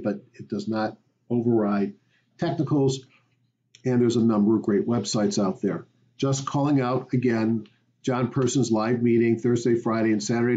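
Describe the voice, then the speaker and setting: A man's voice: mid-range voice, mellow, lo-fi sound, a little hiss or hum. A man, a stock market educator, hosting a weekly market review, talking conversationally and rambling with fillers.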